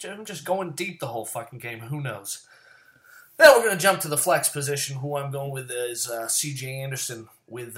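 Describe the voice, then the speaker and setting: A man talking through his weekly football picks in a loose, unscripted way. He swears constantly and rambles. He drifts between low, half-muttered asides and sudden loud, high-pitched outbursts. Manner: profane, rambling, swings into loud rants. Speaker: fantasy football commentator. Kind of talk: casual solo commentary.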